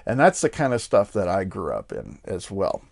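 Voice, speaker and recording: A man's voice: low voice, huge pitch swings, moderate pace, vocal fry, no room sound, studio quality. A man hosting a podcast, rambling candidly and sardonically, with lots of fillers and laughing at himself. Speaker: podcast host. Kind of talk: casual monologue.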